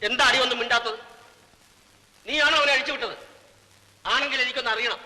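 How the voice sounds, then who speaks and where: Brief: an angry foreman, rapid biting delivery with a long echo. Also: extremely high pitch, fairly even intonation, sharp tone, exaggerated voice. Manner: scolding, accusing. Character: harsh angry male foreman. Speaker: film character. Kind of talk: 1960s film acting. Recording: old film soundtrack, reverberant.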